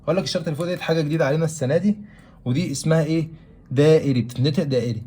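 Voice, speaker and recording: An Egyptian math teacher talks through a lesson at a breakneck pace. His voice sits a little high, and he keeps firing questions at the students before answering them himself. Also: racing, warm tone, breathy edge. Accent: Egyptian Arabic. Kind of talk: classroom-style math lesson.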